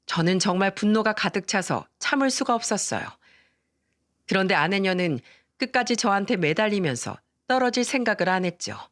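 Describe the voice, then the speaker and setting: A woman narrating a scripted story in an even, dramatic first-person telling. Her voice sits at a middle pitch, recorded close and dry. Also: moderate pace, dry recording.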